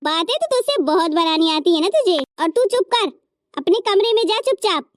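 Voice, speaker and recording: A woman's voice: extremely high pitch, lively intonation, normal speed, dry recording, studio quality. A woman voicing a harsh scolding mother-in-law. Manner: scolding, insulting. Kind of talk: cartoon story voice acting.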